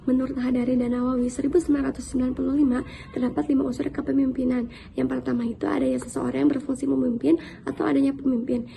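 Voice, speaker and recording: A young woman student presenting a training module, reading points quickly with small stumbles. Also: high voice, little pitch movement, vocal fry, noisy background.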